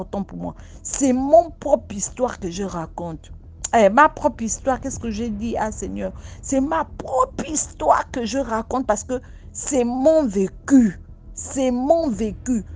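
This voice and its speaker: A woman dramatically telling her own supernatural experience as a testimony, acting out sounds and pleas. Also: a little high. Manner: animated, acts out sounds and pleas, slips into sobbing. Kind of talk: dramatic first-person testimony.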